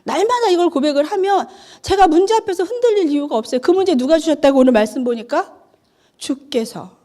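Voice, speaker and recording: A woman in her fifties preaches a sermon in a high, bright voice that swoops up and down as she tells her stories. She acts out the dialogue as she goes and keeps asking the congregation questions, with the chatty feel of a talk among friends. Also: fairly quick. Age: 50s. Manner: animated storytelling that acts out the dialogue. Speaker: evangelist preaching.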